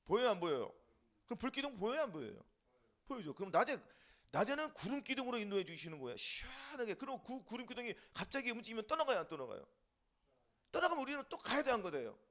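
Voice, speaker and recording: A man's voice: very high voice, very animated, fast talker, fairly bright tone. A man preaching a sermon as pastor, firing rhetorical questions at the congregation and answering them himself. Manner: call-and-response questions to congregation, rising and falling emphatically.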